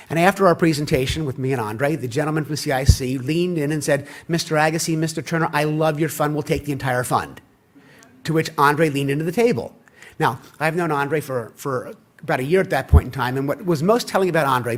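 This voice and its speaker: A middle-aged man giving a conference keynote, telling stories and acting out quoted dialogue in an animated way. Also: a little high. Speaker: keynote speaker. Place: conference hall.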